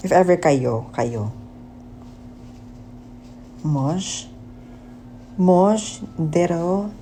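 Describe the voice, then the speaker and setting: A man's voice: high voice, lively intonation, extremely slow, dark tone, slight background noise, poor audio. A young man chatting casually on a phone livestream. He teases his viewers playfully and often laughs at himself. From Philippines. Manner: playful, teasing, laughs at himself, mixes Tagalog and English.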